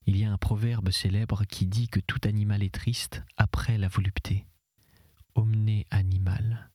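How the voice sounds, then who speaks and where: Husky, low-voiced male audiobook narrator. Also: darkish tone, no room sound. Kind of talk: audiobook reading of a literary novel. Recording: dry close recording.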